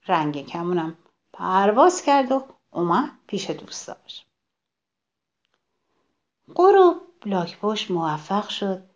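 A woman reading a children's story aloud, animated and addressing the children directly. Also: medium pitch.

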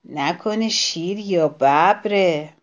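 A woman's voice: lowish voice, close to an everyday voice. A woman voicing an irritable, sly male fox in a children's storybook, talking in a snappish, mocking way.

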